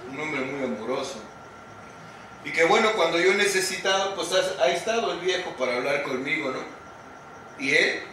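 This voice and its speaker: A man's voice: fairly high pitch, sharp tone. Profane Mexican man in an echoey hall. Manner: colloquial, profane, storytelling with acted quotes. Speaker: speaker sharing recovery testimony. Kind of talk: testimony at a group meeting. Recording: echoey hall from far off, noisy.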